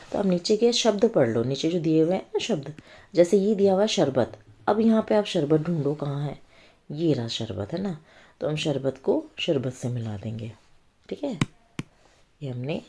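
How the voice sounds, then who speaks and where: A woman with a low, dark voice, carrying a slight hiss or hum, teaches young children to read. She patiently goes through a worksheet at a slow pace, checking in with the listener again and again.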